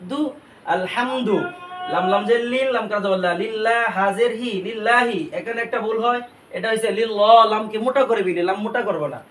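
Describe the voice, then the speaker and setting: A man teaching Quran recitation step by step, explaining each sound and drawing phrases out slowly. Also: sits high, a bit bright, reverberant, distant mic, a little hiss or hum.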